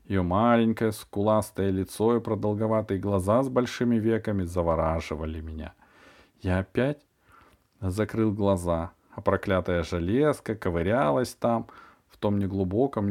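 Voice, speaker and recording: Man reading a story aloud. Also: lowish voice. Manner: expressive, animated reading. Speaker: audiobook narrator. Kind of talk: first-person story reading.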